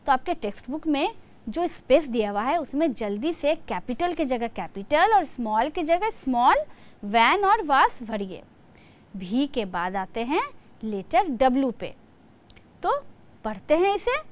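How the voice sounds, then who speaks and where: A woman's voice: high-pitched, sing-song, a little slow. A woman teacher giving a lesson to young children, spelling words out letter by letter.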